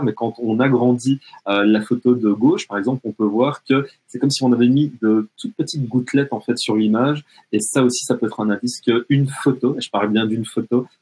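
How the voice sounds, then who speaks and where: Give me a slightly raspy man, explaining step by step in a hesitant way. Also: mid-range voice, darkish tone, poor audio. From French-speaking Canada. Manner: hesitant, many fillers and restarts. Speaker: education webinar presenter. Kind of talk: explaining on a live webinar.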